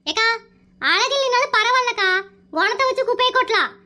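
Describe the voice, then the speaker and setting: A woman voicing a sharp-tongued, gossiping village wife in a comedy cartoon. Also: very high-pitched, animated, a little fast, heavily acted. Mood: gossipy. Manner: chatty, teasing, scolding.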